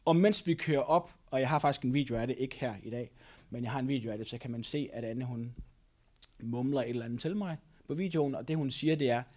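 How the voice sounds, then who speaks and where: A man's voice: mid-range voice, a little mellow. A man preaching a sermon, telling a personal story and retelling a Bible passage with many repetitions and tag questions.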